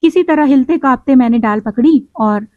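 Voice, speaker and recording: A woman's voice: high-pitched, normal speed, no room sound. A woman narrating a story in the first person as a boy, giving voice to the other characters. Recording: tinny, phone-like, dry sound.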